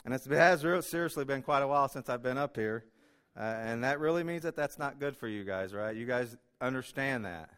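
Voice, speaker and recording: Male pastor, mid-pitch, clean and resonant voice, emotional delivery, filler-heavy church sermon. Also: expressive, brisk, a bit bright, clean tone. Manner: emotional, self-deprecating, with many fillers. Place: church sanctuary.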